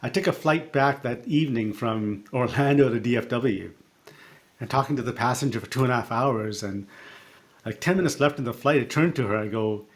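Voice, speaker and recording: A middle-aged coach, born in Africa and raised partly in Canada, tells a personal story as a podcast guest. He speaks reflectively and haltingly, with fillers and restarts, in a medium-pitched voice.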